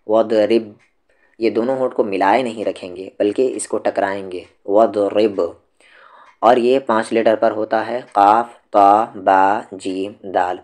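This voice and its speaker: A man teaching Quranic pronunciation. He explains slowly and patiently, then says each word again to show how it should sound. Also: lowish voice. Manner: slow, patient, repeats each word to demonstrate it. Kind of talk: tajweed lesson, explaining and demonstrating pronunciation.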